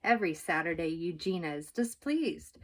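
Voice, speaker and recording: This woman narrates a children's book aloud with expressive, measured emphasis, her voice pitched fairly low.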